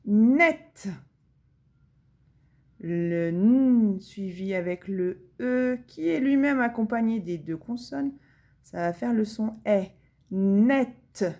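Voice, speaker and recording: A woman teacher with a French accent giving a phonics lesson to young children, drawing out each sound slowly and deliberately. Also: medium pitch, animated, warm tone. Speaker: primary school teacher.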